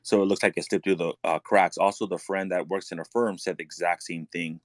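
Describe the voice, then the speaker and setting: Casting: man on a group call, very deep voice, dry sound, easygoing and matter-of-fact. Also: fairly even intonation, a little fast, dry recording. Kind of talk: casual group call chat.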